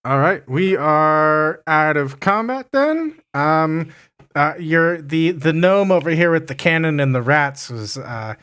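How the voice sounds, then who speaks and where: Slow-talking man running a tabletop game. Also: a little high, lively intonation, fairly bright tone, clean tone. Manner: unhurried, stumbling over words. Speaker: game master.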